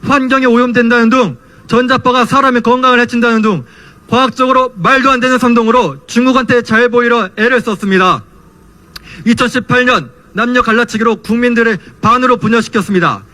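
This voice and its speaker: A man's voice: very high-pitched, fairly quick, bright, forceful tone. A young man delivering an impassioned political rally speech as a student speaker, in a declamatory style. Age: young adult. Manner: impassioned, declamatory rhetorical questions.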